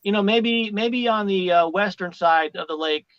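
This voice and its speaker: A man's voice: high voice, normal speed, fairly bright tone, smooth, dry recording. A man speaking as a guest over a video call, hesitant and searching for words. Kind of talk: casual chat. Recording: dull dry video-call audio.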